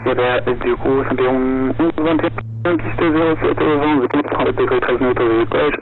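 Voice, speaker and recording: A man working as an air traffic controller, giving easygoing clearances over a radio transmission. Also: medium pitch, normal speed. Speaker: air traffic controller in online flight simulation. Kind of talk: radio clearances, relaxed phraseology. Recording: tinny, very noisy radio link.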